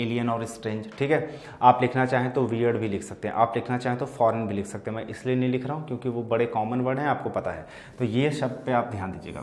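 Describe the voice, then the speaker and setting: Male vocab teacher, exam-prep lesson, Hindi-English mix, talks to students as kids, average pitch, echoey room. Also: darkish tone. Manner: explains words in Hindi mixed with English, calls listeners "bachche"; keeps checking in with "theek hai?".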